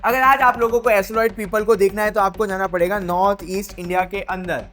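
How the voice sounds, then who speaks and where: A woman's voice: mid-range voice, fairly even intonation, a little fast, a bit bright, faint music behind. A woman teaching an exam revision lesson, playful and chatty, drilling her points by asking questions and answering them herself.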